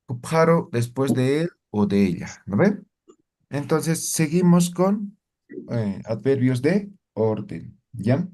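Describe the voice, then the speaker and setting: A man teaching a language class, explaining slowly and often asking his students questions with tag questions. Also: mid-range voice, sing-song, dark tone.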